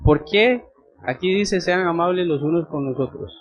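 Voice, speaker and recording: A man's voice: high voice, moderate pace, dull audio. A young man from Costa Rica with a Costa Rican accent, preaching a sermon and telling a personal story in a conversational way, often checking in with his listeners. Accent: Costa Rican Spanish. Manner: conversational, checks in with frequent tag questions. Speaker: pastor.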